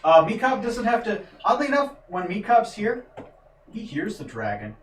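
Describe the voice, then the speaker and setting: A man's voice: high-pitched, normal speed. A man running a tabletop game as dungeon master, casual and joking, with some swearing. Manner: casual, lively, swears and jokes. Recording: roomy, distant mic with faint noise.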